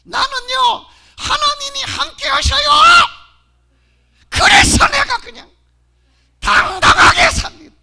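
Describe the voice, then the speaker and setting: A man voicing a brash, defiant middle-aged lady in a comedic gospel show at church, shouting cheekily. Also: very high-pitched, wildly swooping pitch, moderate pace, pitched below the performer's own voice, full character voice. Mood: proud. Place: church service.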